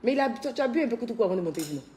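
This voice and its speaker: A woman's voice: fairly high pitch, animated, very fast, warm tone, a little hiss or hum. A tired woman hosting a casual live stream from her unfinished villa, chatting and teasing, reading out viewer comments. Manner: chatty, teasing, scolds workers. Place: her villa under construction.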